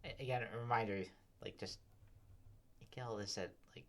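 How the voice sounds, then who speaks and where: A man's voice: mid-range voice, steady tone, normal speed, faint music behind. A man hosting commentary at a microphone, talking casually with sighs, fillers and exasperated asides. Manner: sighing, rambling, filler-heavy. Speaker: commentary host. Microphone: desk microphone.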